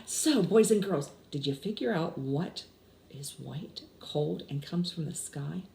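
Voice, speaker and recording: Warm, low, and lively in intonation, the woman in her sixties speaks at a measured pace while leading a children's story time, posing questions and keeping things simple. The setting is a small indoor room with blinds, recorded with roomy echo and audible background noise.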